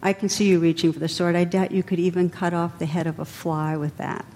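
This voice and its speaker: A woman's voice: level tone, a little fast, warm tone, natural voice. A woman voicing an old male monk who taunts and smirks in a story told during a talk. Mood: mocking. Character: old male monk, calm and teasingly provocative. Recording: reverberant hall with faint rumble.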